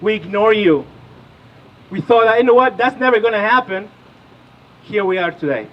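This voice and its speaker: With an expressive, high-sitting voice at normal speed, a thirty-something political organizer from Peru gives a stirring speech at an outdoor rally, asking the crowd questions. The audio is lo-fi.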